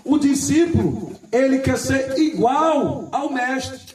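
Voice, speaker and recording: Male preacher, high voice, repetitive and emphatic, recorded roomy and from a distance. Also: lively intonation, a crowd in the background. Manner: repeats phrases, asks the congregation "Amém?"; reads scripture slowly and with emphasis. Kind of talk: sermon.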